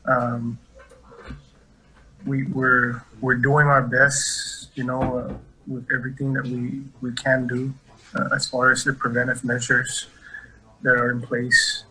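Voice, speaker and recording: A man speaking as a department director, giving an unscripted statement in a halting, hesitant way, repeating words. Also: medium pitch, sharp tone, low-quality recording. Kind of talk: spontaneous spoken statement in an interview.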